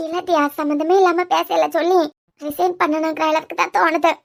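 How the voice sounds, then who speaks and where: A woman's voice: extremely high pitch, level tone, brisk, vocal fry. A woman voicing Pavi, a weary, worried young working woman in a cartoon series, speaking in a troubled way with a Kanyakumari Tamil accent. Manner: troubled, pleading. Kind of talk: cartoon web series voice acting.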